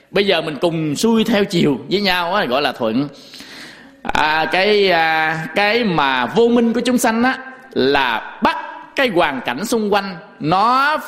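A man's voice: on the high side, fairly bright tone, long reverb tail. A man giving a Buddhist dharma talk in a folksy way, full of rhetorical questions and stories. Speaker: Buddhist monk teacher.

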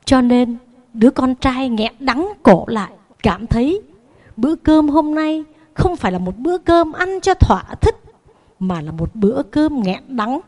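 A woman preacher, a Buddhist nun, tells a moral story to a group of children. She is animated and lets her voice rise and fall in both pitch and loudness. Her voice sits fairly high.

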